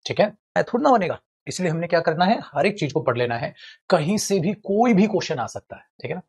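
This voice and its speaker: Husky, joking teacher. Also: male voice, a little high, brisk. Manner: lively, joking, addresses students as friends and brothers. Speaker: English grammar teacher. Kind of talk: classroom lecture.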